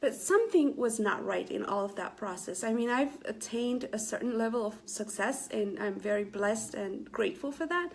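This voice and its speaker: A woman's voice: on the high side, lively intonation, moderate pace, creaky, hardly any pauses. A middle-aged woman from Ethiopia hosting a casual live stream, talking earnestly to viewers with many fillers and restarts. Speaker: Facebook Live motivational host.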